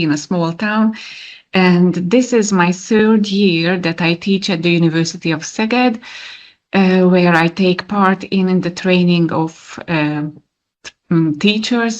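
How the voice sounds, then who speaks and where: A woman, giving an earnest, slightly nervous webinar presentation. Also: fairly low pitch. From Hungary. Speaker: teacher and speaker. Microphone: video call. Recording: muffled video call audio.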